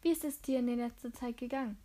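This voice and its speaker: A woman voicing a dignified middle-aged mother and businesswoman who speaks with composure and gentle admonishment, in an audiobook reading. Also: a little high, steady tone, fast, lightly acted. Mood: warm.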